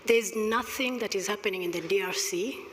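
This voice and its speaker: On a large conference hall stage, a middle-aged Rwandan-accented woman speaks as a panelist into a gooseneck table microphone, pressing an emphatic, deliberate argument with pointed rhetorical questions. Her voice is medium-pitched and a bit bright, and the reverberant recording carries a little hiss or hum.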